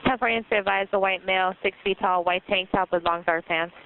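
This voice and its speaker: A woman's voice: mid-range voice, fairly even intonation, brisk. A woman dispatcher reading out a suspect description over a police radio, in clipped radio codes. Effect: police radio transmission. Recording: tinny radio with hiss.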